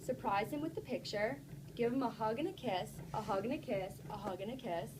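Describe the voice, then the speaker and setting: A woman with a brisk, high-pitched voice reads a story aloud to young children, often pausing to check in with questions and encourage them. It's an interactive classroom read-aloud and discussion, and the recording is noisy.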